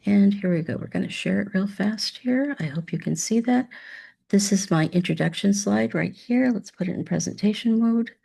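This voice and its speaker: A woman's voice: medium pitch, normal speed, gravelly, dark tone, slightly rough. A woman teaching a demo math lesson over screen share, upbeat and chatty, talking to imagined students.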